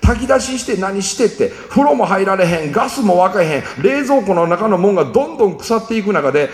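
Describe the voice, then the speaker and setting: A man's voice: high-pitched, expressive, brisk, voice pushed up. A man putting on a fierce old Kansai mother. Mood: angry scolding. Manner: tearful scolding. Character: elderly mother, fierce and selfless. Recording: echoey hall reverb.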